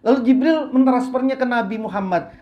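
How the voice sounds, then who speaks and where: A woman as religious teacher, reading Arabic phrases one by one and explaining them in a relaxed, conversational way. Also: on the high side, fairly quick, muffled recording. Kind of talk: kitab study lecture. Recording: roomy echo with faint hiss.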